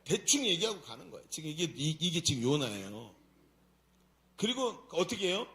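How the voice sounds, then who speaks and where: A man pastor preaching a sermon at a Friday prayer meeting in a church, telling the story in a colloquial, animated way. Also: a little high, moderate pace. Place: church sanctuary.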